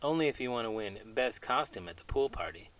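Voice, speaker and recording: Fairly quick and lively in intonation, this middle-aged man uses a mid-range, slightly bright voice to host children's read-alouds. His storybook reading and scripted puppet banter carry dramatic, playful emphasis.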